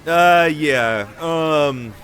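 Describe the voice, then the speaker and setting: A man voicing a loud, friendly male companion in a tabletop game, speaking haltingly. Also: fairly high pitch, voice pushed up.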